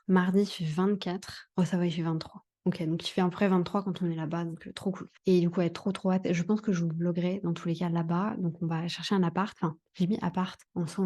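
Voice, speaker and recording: A woman's voice: lowish voice, dark tone. A young woman from France talking casually in a monthly review vlog, chatty and full of fillers and slang. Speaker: vlogger.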